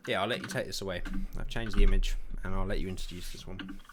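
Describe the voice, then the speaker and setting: A man's voice: low voice, fairly even intonation, quick pace, heavy background noise. A man hosting a casual racing podcast, laid-back and teasing, laughing often. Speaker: podcast host.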